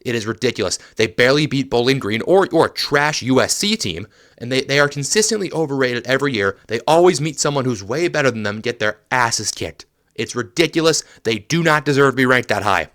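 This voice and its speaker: A man's voice: medium pitch, expressive, fairly quick, fairly bright tone. A young man hosting a podcast, delivering a sarcastic mock-serious rant full of swearing. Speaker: podcast host.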